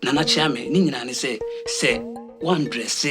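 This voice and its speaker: Man acting a Ghanaian comic everyman, medium-pitched. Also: measured pace, music in the background, close to an everyday voice. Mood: earnest.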